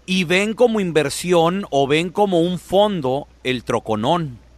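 A man's voice: on the high side, animated, takes it slowly, no room sound. A man hosting a radio show, joking in slangy casual talk. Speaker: radio host.

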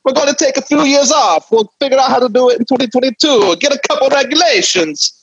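A man putting on a poor mock Italian accent to play a smug, careless team boss, in a high, exaggerated sing-song. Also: fast talker, gravelly, husky, no room sound, lo-fi sound, exaggerated voice.

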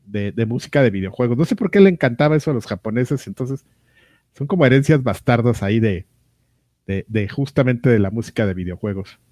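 Lively, rambling Mexican man, dry close sound. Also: mid-range voice, a little fast, dry recording. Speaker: podcast co-host. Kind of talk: casual chat.

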